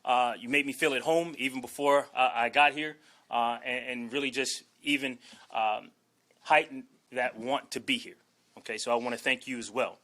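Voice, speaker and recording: Steady and sharp in tone, his medium-pitched voice keeps a moderate pace. He's a new head football coach from Washington, D.C., in his forties, delivering an earnest introductory press conference speech, keeping his emotions in check and stressing lines with "okay?" and "all right?"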